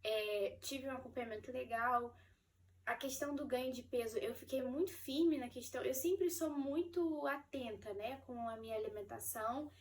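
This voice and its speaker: A Brazilian woman vlogger with a high voice tells a personal story straight to her viewers. She talks in a chatty, animated way and laughs easily. Her voice sits a little back from the microphone. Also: moderate pace, recorded from a distance, slight background noise. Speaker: vlogger, mother of four. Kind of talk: casual storytelling to camera.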